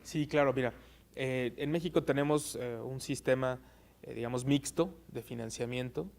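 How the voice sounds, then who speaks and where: Guy with a gravelly voice, lots of eh's, talking through election finance like a lecture. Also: mid-range voice, a little mellow. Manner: measured, frequent "eh" fillers. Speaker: guest expert on election law. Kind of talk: explanatory interview answers.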